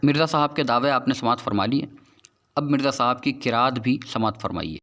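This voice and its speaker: A man's voice: mid-range voice, fairly bright tone. A man narrating a rebuttal video in a formal, admonishing tone, addressing another speaker directly. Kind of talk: scripted commentary and rebuttal.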